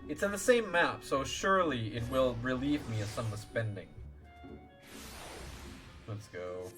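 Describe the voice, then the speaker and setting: A man's voice: medium pitch, lively intonation, unhurried, a bit bright. A man streaming a video game with casual, chatty, playful live commentary. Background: music.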